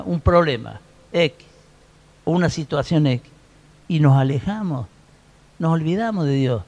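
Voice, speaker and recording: Rioplatense male preacher, slightly high voice, chatty sermon with questions to the flock. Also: a little mellow. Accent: Rioplatense Spanish. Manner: conversational preaching with questions to the congregation, reads scripture aloud.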